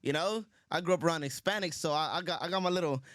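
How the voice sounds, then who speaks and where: A man's voice: fairly high pitch, fast, a bit bright, dry recording, studio quality. A man from Los Angeles, a rapper guest, telling his story in laid-back street slang in a casual interview. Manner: laid-back street slang, frequent laughs and "you feel me".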